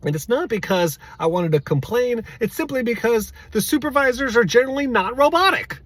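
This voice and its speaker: A man working as a sales coach, telling an exasperated story as advice, emphatic and quick to repeat his key words. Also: very high voice, animated, a bit bright, no echo.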